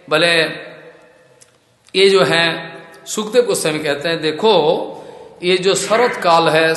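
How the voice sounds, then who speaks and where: Slow-speaking man in an echoey temple hall. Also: on the high side, fairly bright tone. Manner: chants scripture verses between storytelling explanations. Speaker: spiritual teacher giving a scripture discourse. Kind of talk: devotional sermon. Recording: echoey hall with long reverb.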